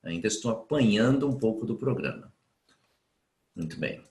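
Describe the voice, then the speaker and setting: A man's voice: lowish voice, expressive, normal speed, a little mellow, roomy sound. A man teaching German grammar in a live online class, who reads out students' questions and explains each point patiently, step by step.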